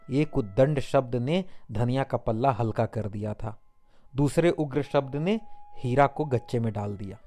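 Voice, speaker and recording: A man narrates a classic novel as an audiobook, in scripted, dramatic storytelling. His voice is of middle pitch and steady.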